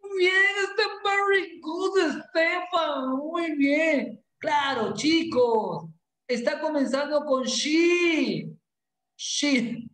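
A male English teacher teaches a class in a playful, animated way and quizzes his students. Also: very high voice, drawn-out words, roomy sound, slight background noise, poor audio. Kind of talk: classroom lesson.

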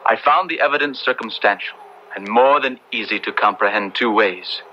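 In an old radio drama, a man plays an earnest, principled young clergyman, speaking formally and passionately with a troubled, earnest mood. His lowish voice is pushed and bright at normal speed, and the recording is muffled and faintly noisy.

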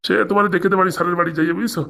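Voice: medium pitch, flat delivery, very fast, fairly bright tone, natural voice. A voice actor playing a bumbling, henpecked village priest who stumbles over chants and argues back, in a comic cartoon. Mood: defensive.

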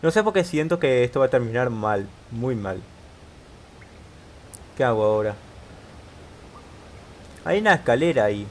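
A man giving casual let's-play commentary, thinking aloud about puzzles and repeating words in quick bursts when rushed. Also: mid-range voice, lively intonation, darkish tone, a little hiss or hum. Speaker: gameplay commentator.

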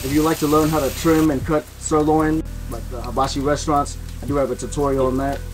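Slightly higher-voiced male teppanyaki chef, instructing. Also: level tone, fast, rough recording. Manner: step-by-step, explanatory teppanyaki chef talk while working at the griddle. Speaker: teppanyaki hibachi chef giving a tutorial. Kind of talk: casual instructional cooking narration. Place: outdoor covered deck by water. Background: music, sizzling griddle, utensils stirring.

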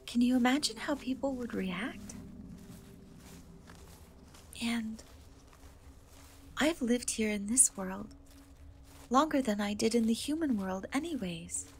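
A woman voices a kind, timid half-cat girl who offers reassurance in a dark fantasy ASMR roleplay of soft, intimate acting. Her voice sits on the high side, slow and gentle, hesitant and quiet, often drifting into a whisper. Background noise and ambience are noticeable.

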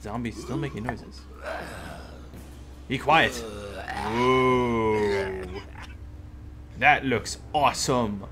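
A man doing casual video game commentary, excitable and jokey, yelling at enemies as he plays. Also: medium pitch, drawn-out words, pauses often, crowd noise. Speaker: let's play host.

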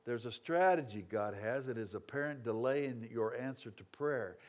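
A man's voice: medium pitch, moderate pace. A man preaching a revival sermon, telling stories with humorous asides and acting out complaining crowds. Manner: dynamic, swinging from loud outbursts to quiet asides.

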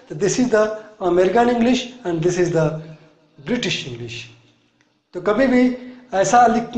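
A man teaching an English lesson in a classroom, explaining words one by one and repeating them slowly. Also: high voice, darkish tone, reverberant.

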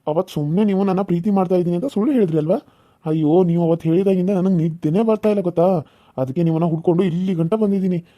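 A man's voice: sits high, rapid-fire, dark tone, close to an everyday voice. A man voicing a lovesick, boastful young suitor in a cartoon serial, talking eagerly. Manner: eager fawning.

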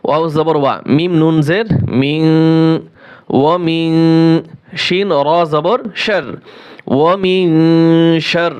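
Slow, patient man teaching recitation. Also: fairly high pitch. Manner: spells each word syllable by syllable, then chants it slowly. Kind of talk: slow letter-by-letter recitation lesson.

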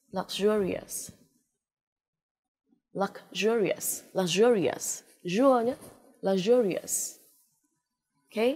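Woman, Vietnamese accent, English teacher; drawn-out word drills, patient coaxing delivery with "ok" fillers. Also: medium pitch. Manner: slow, drawn-out repetition of English words; frequent "ok" and "à" fillers, coaxing "đúng không ạ?". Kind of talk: vocabulary lesson with pronunciation drills.

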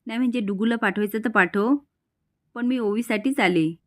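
A woman's voice: fairly high pitch, a little fast, close to an everyday voice. A woman voicing a loyal young woman speaking casually to an uncle, in a retold drama.

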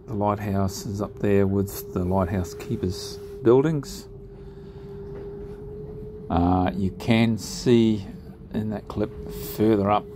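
A man narrating his sailing trip over drone footage in a relaxed, unhurried way, with frequent ums and pauses. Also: fairly low pitch, noisy background.

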